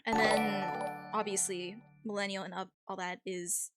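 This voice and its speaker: A woman's voice: mid-range voice, level tone, unhurried, over loud music. A woman livestream host talking casually and informally with her viewers.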